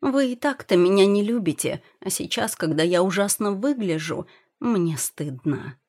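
A woman voicing a timid, tearful young princess in an audiobook, plaintive and raised in pitch. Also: animated, moderate pace, a little mellow, natural voice. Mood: hurt. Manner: plaintive, sobbing. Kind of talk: audiobook character voice.

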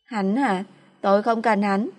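A woman's voice: mid-range voice, normal speed, natural voice. A woman voicing a drunk, spoiled young woman who sulks and pleads in a slurred, petulant way. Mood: tearful.

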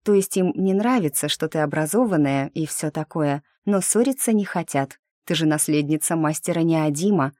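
A woman's voice: sits low, normal speed, hardly any pauses, warm tone, no room sound, close to an everyday voice. A woman voicing a young female gnome who speaks hesitantly and apologetically, in a dry close recording. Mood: anxious. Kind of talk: audiobook character reading.

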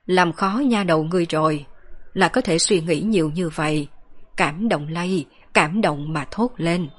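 A woman voicing a cheerful, wise old woman in an audiobook, speaking slowly and calmly. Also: fairly low pitch, no room sound, natural voice. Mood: content. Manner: slow, calm, laughing.

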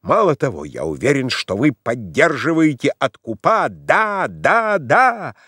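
A man's voice: mid-range voice, sing-song, a little slow, breathy edge, dry recording, studio quality, full character voice. A man doing a drunk, furious young writer. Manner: shouting, accusing.

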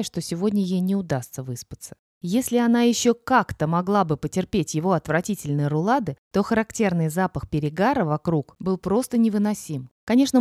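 A woman narrating a novel in an expressive, dramatic reading. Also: mid-range voice, no room sound, studio quality. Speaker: audiobook narrator. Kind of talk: scripted audiobook narration.

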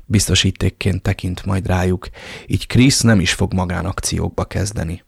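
Male audiobook narrator, low and rough-edged, brooding, measured, dry booth. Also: steady tone, no room sound. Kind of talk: first-person audiobook narration.

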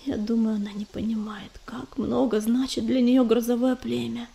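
A woman voicing a gentle female medicine cat who speaks quietly, half in a whisper. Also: high voice, lively intonation, slow, full character voice. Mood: worried.

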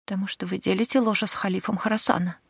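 A woman voicing a cheeky, sharp-tongued young maidservant in an audiobook, with a mocking, teasing manner. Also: mid-range voice, fairly even intonation, rapid-fire, creaky, breathy edge, dry recording, clean studio sound, voice pushed up.

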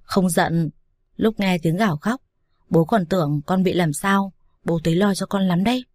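A woman's voice: fairly low pitch, moderate pace, a little mellow, no echo, clean studio sound, lightly acted. A woman reading as a curt, caring father-in-law. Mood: gentle. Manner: curt, dryly joking. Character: gruff but caring middle-aged father-in-law.

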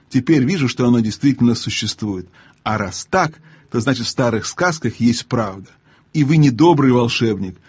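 A man's voice: mid-range voice, darkish tone, breathy edge, dry recording. A man doing a brave outspoken boy. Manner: blunt, indignant.

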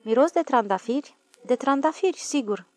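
A woman's voice: high-pitched, expressive, darkish tone, dry recording, voice pushed up. A woman voicing an eager, bossy and suspicious station chief in an audiobook. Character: excitable fussy middle-aged male station chief. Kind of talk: audiobook character voice.

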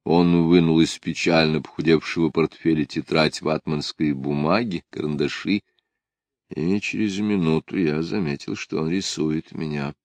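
Deep-voiced man narrating a novel. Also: fairly even intonation, normal speed, dry recording. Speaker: audiobook narrator. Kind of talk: literary audiobook narration.

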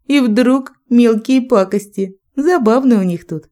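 A woman's voice: on the high side, a little slow, mellow, voice pushed up, natural voice. A woman voicing an ironic, easily irritated young heroine in an audiobook.

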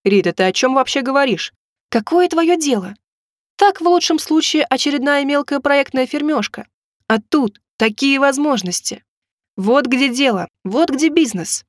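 A woman's voice: high voice, expressive, dry recording, studio quality, voice pushed up. A woman voicing a pushy young man who keeps pressing for money and takes offence easily, in an audiobook. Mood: resentful. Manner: insistent, quick to take offence. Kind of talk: audiobook reading.

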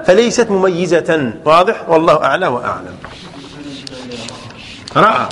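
A man's voice: fairly high pitch, big pitch swings, moderate pace, big-room sound, a crowd in the background. A man teaching a grammar lesson, repeating words, correcting himself and checking often that his listeners understand.

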